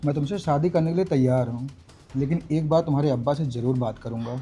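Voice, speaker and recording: An actor playing a gentle young husband who speaks softly and reassuringly. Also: male voice, a little high, quick pace, breathy edge. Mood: earnest. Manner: soft, reassuring. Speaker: actor in a short drama. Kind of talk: Hindi short-film acting.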